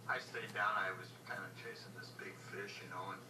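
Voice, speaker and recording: A man's voice: deep voice, fairly even intonation, a little fast, reverberant, far from the mic, rough recording. An older man telling of his own experience in a conversational documentary interview. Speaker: shark attack survivor. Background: loud background music.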